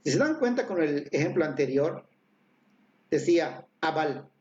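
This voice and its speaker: Fairly high-voiced man teaching a language lesson. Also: sing-song, brisk, darkish tone, lo-fi sound. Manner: explains patiently with many fillers and tag questions.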